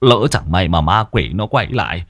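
Man playing a cowardly old husband, coarse, stammering, low husky voice. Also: lively intonation, moderate pace, fairly bright tone, full character voice. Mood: frightened. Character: frightened crude old village husband.

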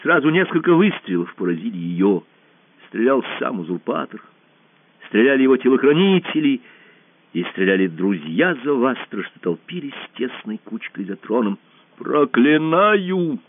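A man's voice: mid-range voice, sing-song, moderate pace, dry recording. A man narrating an audiobook story expressively. The sound is dry and tinny.

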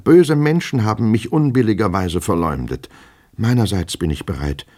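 A man's voice: lowish voice, expressive, normal speed, a little mellow, voice pushed up. A man reading an audiobook, voicing an anxious clerk who pleads frantically with his double. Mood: pleading.

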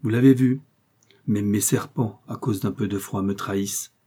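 A man's voice: on the low side, steady tone, moderate pace, warm tone, breathy edge. A man reading a bitter, elegant mysterious woman. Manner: weary, disillusioned.

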